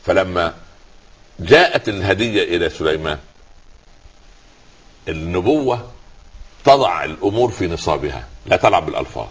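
A man's voice: deep voice, animated, normal speed, pauses often, breathy edge. A man with an Egyptian accent, an Islamic scholar giving a religious talk, telling stories, quoting scripture and asking rhetorical questions.

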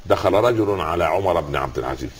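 A man's voice: deep voice, expressive, fast talker, husky. A man with an Egyptian accent, an Islamic scholar giving a religious talk, telling stories, quoting scripture and asking rhetorical questions.

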